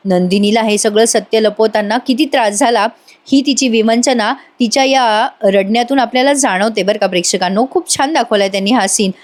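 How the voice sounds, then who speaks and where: A woman's voice: fairly high pitch, a little fast. A woman narrating a voice-over recap of a TV serial, chatting directly with her viewers. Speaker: TV serial reviewer.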